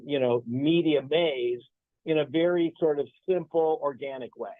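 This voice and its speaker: A man calling in as a guest on a radio talk show, explaining things in a relaxed way with many "you know" fillers. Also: a little high, normal speed, no room sound. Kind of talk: casual radio interview chat. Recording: tinny phone line into a radio studio.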